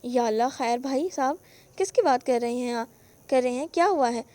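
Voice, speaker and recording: A woman voicing a kind middle-aged aunt who speaks softly and with concern in a spoken novel. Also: sits high, close to an everyday voice. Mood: worried.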